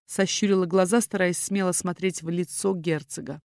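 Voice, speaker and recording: A woman narrating a first-person fantasy story in an expressive storytelling voice. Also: lowish voice, moderate pace, no echo, studio quality. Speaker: audiobook narrator.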